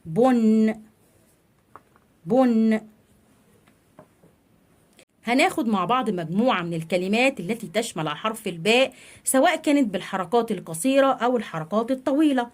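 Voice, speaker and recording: A woman with an Egyptian Arabic accent leads a children's reading lesson. Her voice sits a little high, and she asks questions and answers them herself, drawing out syllables slowly. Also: expressive. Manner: explains in a question-and-answer way, stretching out sounds and syllables. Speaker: teacher.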